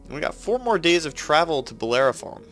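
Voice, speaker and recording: A Canadian let's play host with a head cold that makes him nasal chats casually as he plays and explains his moves. His voice sits on the high side with big pitch swings, a quick pace, and a slightly bright tone. Soft music plays in the background.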